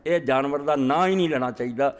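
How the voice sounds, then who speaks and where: A man's voice: mid-range voice, fast. A man giving a religious lecture as a cleric, answering questions with emphatic, scolding rhetorical questions. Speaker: Islamic cleric. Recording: long hall reverb.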